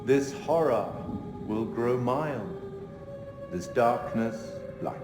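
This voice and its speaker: An actor playing a sinister, refined gentleman who hosts horror tales in a video game, speaking in a measured, ominous and wryly courteous theatrical manner. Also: mid-range voice, animated. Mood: ominous, grave. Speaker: narrator host addressing the player. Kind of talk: theatrical scripted monologue, literary quotations. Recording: echoing hall reverb, music behind.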